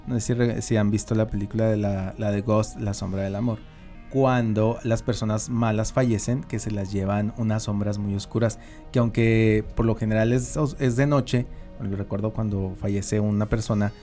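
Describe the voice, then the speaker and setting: A man with a lowish, dark and mellow voice chats casually as a podcast co-host. Quiet music runs behind his words. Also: fairly even intonation, normal speed. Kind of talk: casual chat.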